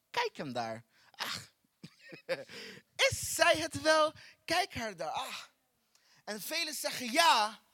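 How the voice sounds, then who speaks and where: High, bright-voiced young preacher man. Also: no room sound, clean studio sound. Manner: building to loud chanted refrains. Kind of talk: sermon. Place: church hall.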